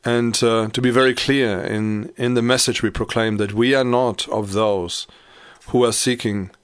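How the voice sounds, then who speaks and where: A man speaking as a pastor, earnest and measured, warning his listeners before a clip. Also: mid-range voice, steady tone, no echo, studio quality. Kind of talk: sermon-like commentary.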